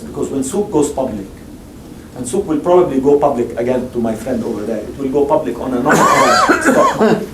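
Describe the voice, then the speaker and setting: This man's pitch runs fairly high, and the mic is far from him. Speaking on an investing panel with audience Q&A in a lecture hall, he's emphatic, says things more than once, and often starts his sentences over. The recording carries the hall's echo, distant pickup, and faint background noise.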